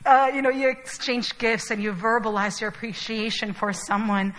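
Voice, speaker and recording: A woman's voice: a little high, steady tone, moderate pace, fairly bright tone, rough recording. A young adult woman from Chile giving a sermon in a casual, chatty way, with many fillers. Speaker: preacher.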